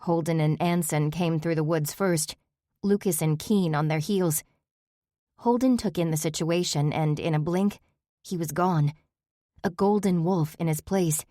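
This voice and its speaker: A woman narrating a first-person audiobook with a steady, measured reading, recorded on a close studio mic. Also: sits low, dry recording.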